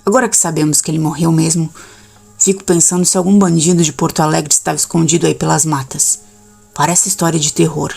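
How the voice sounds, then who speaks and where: A woman's voice: low voice, fairly even intonation, fast talker, creaky, darkish tone, slightly rough, faint music behind, exaggerated voice. A woman reading the lines of a cheerful, chatty older male country innkeeper with a strong Gaúcho accent. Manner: friendly, chatty.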